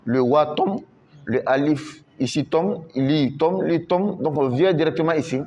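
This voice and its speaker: A man's voice: fairly high pitch, highs cut off, slight background noise. A man teaching Quran recitation in French, patiently repeating each word and drawing out the recited syllables. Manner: slow, repeats words many times, drawn-out recitation.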